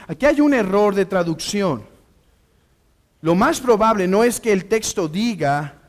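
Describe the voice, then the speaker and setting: A man preaching an expository sermon, calling the congregation brothers and acting out the dialogue of the passage. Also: sits high. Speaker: pastor.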